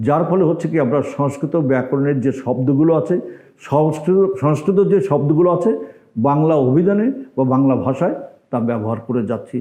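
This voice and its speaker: A man's voice: fairly high pitch, dark tone. Older man lecturing in a roomy echo. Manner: measured, explanatory, repeats phrases for emphasis. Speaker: host of a Bengali language show. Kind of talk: lecture-style talk to camera.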